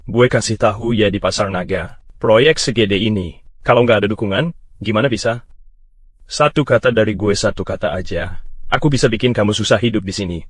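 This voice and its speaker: A man's voice: lowish voice, no echo, natural voice. An actor playing an arrogant, crude site foreman who bullies a worker and sneers at her. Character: arrogant lecherous male foreman bully turned groveling. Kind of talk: short drama acting.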